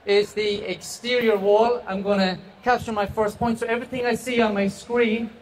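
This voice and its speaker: On a handheld mic in a large trade show hall, a chatty, self-deprecating middle-aged man from the west of Ireland, Irish accent and all, demonstrates a product live. He has a high voice with a steady tone and moderate pace, and there's slight background noise.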